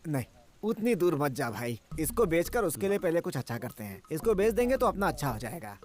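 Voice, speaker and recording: An actor voicing a fussy friend who coaxes and pleads with the hero, growing exasperated, in a Hindi film dub. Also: male voice, a little high, brisk. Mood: coaxing. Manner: animated, coaxing, exasperated.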